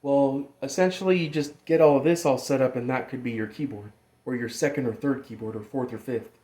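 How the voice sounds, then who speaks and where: Brisk and warm-toned at medium pitch, a man rambles through a casual hands-on music gear tutorial as an amateur demonstrator. He explains loosely as he goes and throws in some swearing.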